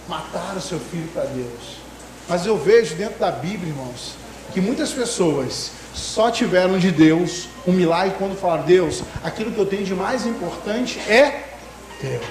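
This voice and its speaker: Male preacher, high-pitched, emotive delivery, echoey room with faint noise. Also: expressive, normal speed. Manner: emotive, swings between loud and hushed. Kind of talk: sermon.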